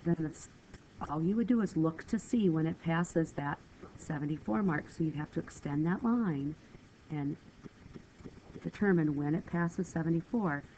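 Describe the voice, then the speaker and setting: A woman with a deep, warm voice walks through a math lesson over a screen recording at a normal pace, explaining each step patiently and somewhat apologetically. She sounds a little stuffy from a cold, and the lo-fi screen recording is dull with a faint hiss.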